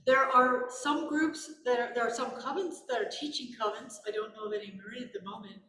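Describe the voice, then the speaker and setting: A woman's voice: fairly high pitch, a little fast, pushed and bright. An older woman speaking as a guest in a casual question-and-answer talk, rambling and often restarting her sentences. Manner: rambling, with many restarts and self-corrections. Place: big empty live room. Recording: echoey room, voice far from the mic.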